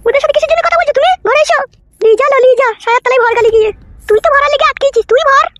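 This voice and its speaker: A woman acts in a comic family sketch with a very high voice. She scolds and quarrels with rapid, dramatic delivery. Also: no room sound.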